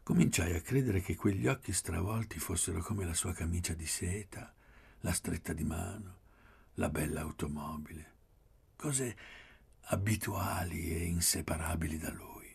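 Deep, gravelly male audiobook narrator. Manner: measured, often dropping to a soft, breathy near-whisper. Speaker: audiobook reader.

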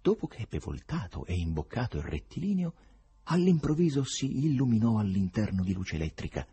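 Brief: male novel reader, husky, lower voice, very lively intonation. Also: a little fast. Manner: expressive reading. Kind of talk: audiobook narration.

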